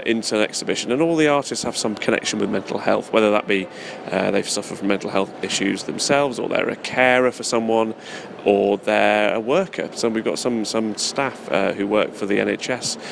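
Low, creaky British man in noisy surroundings. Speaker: festival organiser, interview guest. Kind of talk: casual interview chat. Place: busy public exhibition space in city centre. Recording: noisy public space, urban background din. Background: people and urban ambience.

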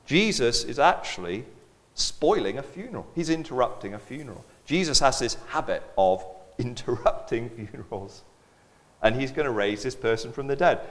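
A man preaching a sermon as pastor, animated and dramatic, acting out the voices of the crowd as he goes. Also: medium pitch. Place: church. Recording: long reverb of a church hall.

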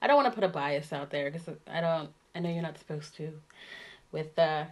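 A woman's voice: deep voice, fairly quick, a little mellow. A woman co-hosting a podcast in casual chat, giggly and full of "like". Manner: giggly, filler-heavy, lots of "like". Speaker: podcast co-host.

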